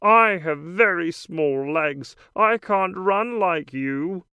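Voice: mid-range voice, lively intonation, takes it slowly, pushed and bright, clear, resonant tone, no echo, pitched above the performer's own voice, heavily acted. A storyteller voicing a small, ugly frog who pleads earnestly. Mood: pleading.

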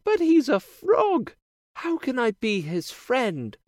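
A storyteller voicing a spoiled young princess in a high, whiny, pleading voice. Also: huge pitch swings, slow pace, a little mellow, no echo, clean studio sound. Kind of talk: storybook reading.

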